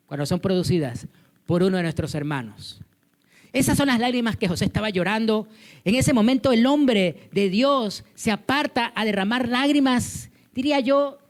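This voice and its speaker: A male pastor preaching a sermon to a congregation, mixing personal anecdotes and humor and growing louder on key points. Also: high voice. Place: church service with a congregation.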